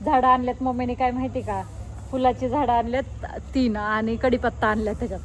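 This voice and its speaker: A woman's voice: a little high, fairly even intonation, a little fast, a crowd in the background. A young woman, chatting casually in a family vlog and teasing the kids. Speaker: vlogger.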